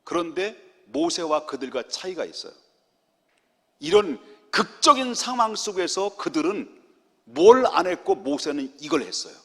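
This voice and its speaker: Animated pastor in a reverberant hall. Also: male voice, a little high, moderate pace. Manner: animated, jokes with the congregation, acts out quotes. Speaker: senior pastor. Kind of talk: lively Friday prayer-meeting sermon. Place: church sanctuary. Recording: long church hall reverb.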